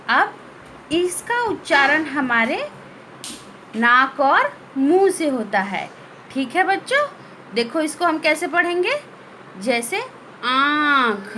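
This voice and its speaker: A woman teaching young children, her voice high and bright with a lively, rising and falling tone. She speaks unhurriedly, poses questions and answers them herself, stretching out each example word so the class can follow. A faint hum of room noise sits behind her. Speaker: school teacher. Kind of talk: children's Hindi grammar lesson.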